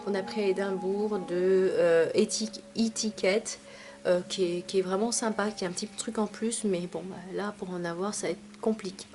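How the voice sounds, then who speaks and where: A woman's voice: medium pitch, steady tone, normal speed, darkish tone, slight background noise. A young adult woman reviewing teas she has finished, chatty, with many fillers and asides. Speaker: tea vlogger. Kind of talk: casual product review.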